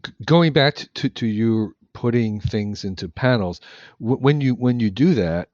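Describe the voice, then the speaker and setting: A man's voice: medium pitch, expressive, moderate pace, darkish tone, no room sound. A man hosting a casual interview podcast, asking questions hesitantly with many fillers and restarts. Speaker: podcast host. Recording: dry, dull lo-fi sound.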